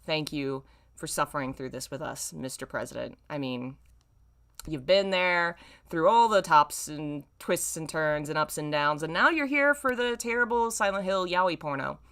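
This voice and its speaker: A young woman hosts a reading of old fan fiction, performing it theatrically at a normal speed. Her crisp, bright voice sits a little low, and she breaks into casual, mocking asides in an exasperated, playful way.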